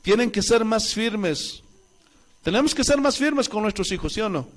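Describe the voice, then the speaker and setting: A man with a Bolivian Spanish accent preaching a sermon as pastor in a church, asking the congregation questions and swinging between loud calls and soft asides. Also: high-pitched, expressive, moderate pace.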